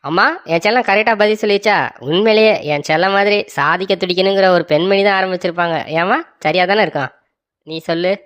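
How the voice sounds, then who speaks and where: A woman's voice: medium pitch, quick pace, natural voice. Woman playing a doting cartoon husband. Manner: sweet-talking, pleading, calls his wife "darling". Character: doting soft-hearted bald young husband. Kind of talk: cartoon comedy voice acting.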